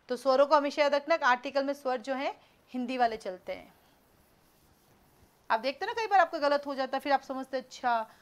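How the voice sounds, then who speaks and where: Brisk woman teaching an online class. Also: high voice. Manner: quizzing students, brisk and scolding; mixes Hindi with English words.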